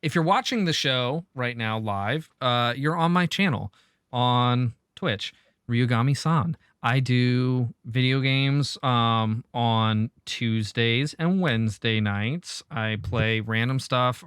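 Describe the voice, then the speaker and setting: A man's voice: mid-range voice, slow, fairly bright tone, clear, resonant tone, no echo, clean studio sound. A man hosting a casual gaming podcast, rambling through his sign-off with filler hums. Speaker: podcast host. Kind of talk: casual chat.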